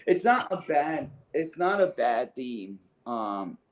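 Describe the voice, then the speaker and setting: A man's voice: medium pitch, very animated, slow pace. A man co-hosting a wrestling podcast in casual chat, rambling and hedging as he thinks aloud. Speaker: podcast co-host.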